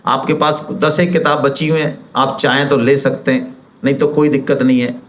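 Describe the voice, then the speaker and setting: Animated man giving a devotional seminar talk. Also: mid-range voice, normal speed. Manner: animated, rhetorical questions, acts out quoted voices; colloquial, persuasive, direct address. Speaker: Gita seminar speaker.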